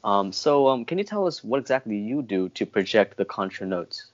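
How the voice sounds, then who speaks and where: Speaking at normal speed with a sing-song lilt, this young adult man has a voice on the low side and hosts an informal chat-style interview by video call, a little hesitant as he goes. The sound, picked up by a wired earphone mic indoors at home, comes through muffled and dull.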